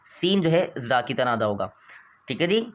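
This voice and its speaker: A man's voice: mid-range voice, sing-song. A man teaching an online Quran reading lesson, patiently explaining and repeating letter sounds in an earnest, exhorting manner.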